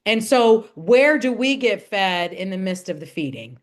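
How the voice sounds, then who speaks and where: A woman's voice: mid-range voice, expressive, a little slow. A woman hosting a wellness podcast in casual conversation with a guest. She speaks in an affirming, reflective way and often turns to spiritual wording. Her tone stays conversational throughout. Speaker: podcast host.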